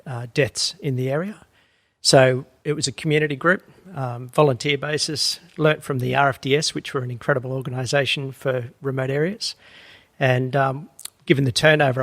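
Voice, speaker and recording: This is an Australian man in middle age, talking on a podcast as a guest. His voice has a gravelly rasp, and he is recorded very dry and close, with no room echo. He tells his story in a loose, easygoing way, full of ums and uhs. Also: mid-range voice, fairly bright tone. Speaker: guest, HR executive. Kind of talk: conversational podcast interview.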